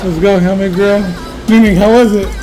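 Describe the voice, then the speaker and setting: A woman hosts a family vlog in a casual, chatty way, speaking to children. Her voice sits at an average pitch, and music plays clearly behind her. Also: steady tone, brisk.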